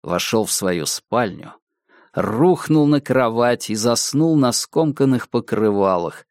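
A man narrating a gothic story in a measured, somber, dramatic reading. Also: mid-range voice, animated, darkish tone, no echo, studio quality. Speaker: audiobook narrator. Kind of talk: scripted narration.

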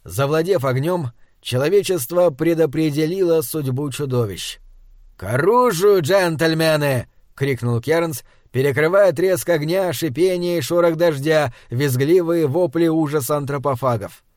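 A man narrating an audiobook in a measured, dramatic reading. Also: a little high, a little mellow, dry recording, clean studio sound.

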